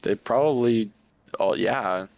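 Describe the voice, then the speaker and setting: Low gravelly young man rambling. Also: darkish tone, no room sound, dull audio. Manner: rambling, halting, many fillers and restarts. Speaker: podcast co-host. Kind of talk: casual chat.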